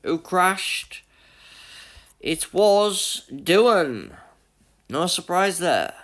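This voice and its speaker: A young gaming livestreamer with a Yorkshire accent chats casually with his viewers during a racing game, greeting them by name and laughing at his own luck. His voice is high and fairly bright, with big swings in pitch, and he speaks very slowly.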